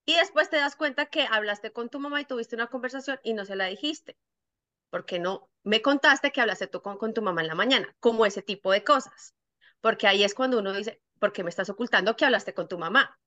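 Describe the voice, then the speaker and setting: A woman's voice: on the high side, brisk, sharp tone, dull audio. A young woman co-hosting a podcast, chatting casually and explaining her points with examples. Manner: explains with examples, some hesitations. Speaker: podcast co-host. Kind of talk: casual chat.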